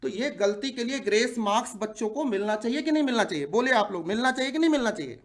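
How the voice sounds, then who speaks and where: A man's voice: extremely high pitch, lively intonation, quick pace. A man of forty, an exam-prep teacher, giving an impassioned video address to viewers, indignant and full of rhetorical questions. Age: 40s.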